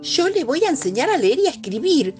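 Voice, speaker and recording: A woman's voice: sing-song, a little fast, a little mellow, soft background music. A woman voicing a pleading, mischievous little girl with a Rioplatense accent, whiny and insistent. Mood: wheedling. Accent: Rioplatense Spanish. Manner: whiny, insistent, high-pitched.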